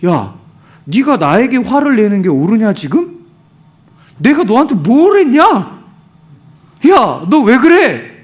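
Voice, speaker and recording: A man's voice: extremely high pitch, very animated, takes it slowly, pauses often, voice pushed up, heavily acted. God as a blunt scolding father, as a preacher puts him on. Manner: blunt, informal scolding with rhetorical questions.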